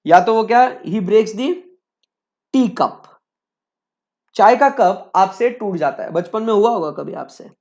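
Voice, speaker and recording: A man's voice: high-pitched, expressive, slow pace, long pauses, darkish tone. Male teacher in a dull online lecture. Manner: conversational, keeps checking in with students.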